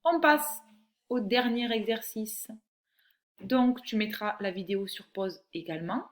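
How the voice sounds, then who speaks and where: A woman teacher leads a phonics lesson for small children. She reads each word slowly and distinctly, at a middling pitch. She speaks straight to the child and praises right answers. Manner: slow, clear word-by-word reading for a child; encouraging, addresses the child directly. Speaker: primary school teacher.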